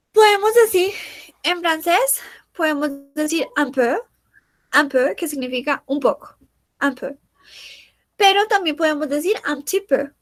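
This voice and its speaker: A woman teaching a language lesson, repeating each word slowly and translating it. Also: high-pitched, dry recording. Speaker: French teacher.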